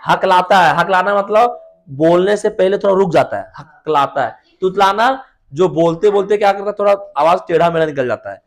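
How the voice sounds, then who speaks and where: A man's voice: high voice, a little fast. A man teaching English vocabulary to a class, explaining words with everyday examples and putting questions to his students.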